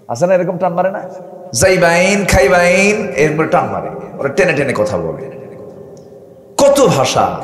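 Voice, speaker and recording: A man preaching a sermon to a large gathering. He chants and rises to high, emphatic calls and keeps asking the crowd questions. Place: large outdoor religious gathering. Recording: echoey PA sound in a large space.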